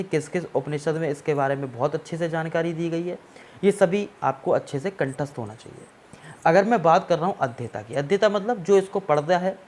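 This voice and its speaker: Pitched on the high side with a darkish tone, this man teaches an exam-prep history lesson in Hindi sprinkled with English words. He explains things step by step and keeps checking that students are following, repeating "ठीक है ना" to confirm they understand.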